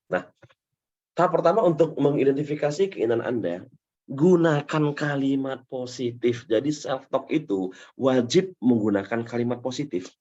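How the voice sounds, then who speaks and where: A husky man teaches a live class as a self-talk coach, his pitch leaping around as he acts out quick example exchanges and keeps checking in with the audience. The sound is dull and lo-fi. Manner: lively, acts out short example dialogues; repeats and asks the audience questions.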